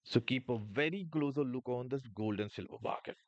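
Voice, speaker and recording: A man's voice: medium pitch, fairly quick, dry recording, lo-fi sound. A man hosting a live trading stream, explaining market moves and answering chat questions with frequent filler sounds.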